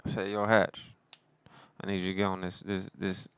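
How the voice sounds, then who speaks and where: Man, rapper-producer, laid-back slangy talk, very smooth lowish voice, dry close sound. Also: monotone, normal speed, dry recording. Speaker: rapper and producer talking about his album. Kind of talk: casual solo talk.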